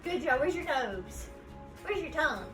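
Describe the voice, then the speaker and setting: A woman teaching a young child speech sounds, with slow, exaggerated modeling and encouraging praise. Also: sits high, big pitch swings, fairly bright tone, faint music behind. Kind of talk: child-directed speech lesson.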